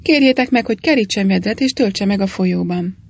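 A woman voicing a mild, clumsy old priest in a storybook reading, meek and fussy, with a husky tone. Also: mid-range voice.

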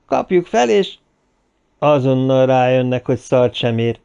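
A man's voice: mid-range voice, expressive, gravelly, mellow, clear, resonant tone. Guy doing a grim tired leader, firm, kinda dull lo-fi audio. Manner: firm, weary. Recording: dull lo-fi recording.

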